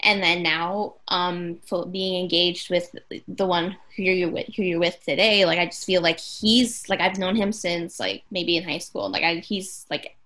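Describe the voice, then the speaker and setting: A woman's voice: on the low side, steady tone, unhurried, hardly any pauses, bright, forceful tone. A young woman co-hosting a podcast, talking in a rambling, emotional way with lots of "like". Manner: rambling, heavy use of "like", emotional. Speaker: podcast co-host. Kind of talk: casual chat.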